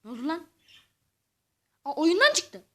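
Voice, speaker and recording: A woman giving excitable let's-play commentary to her viewers, muttering and whispering asides to herself as she plays. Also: very high voice, measured pace. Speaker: gaming channel host.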